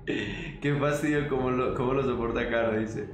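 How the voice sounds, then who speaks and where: A man's voice: medium pitch, fairly even intonation, a little slow, echoey room, music in the background. A man, chatting casually as he reminisces about his old gaming videos and laughs often. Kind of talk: casual chat.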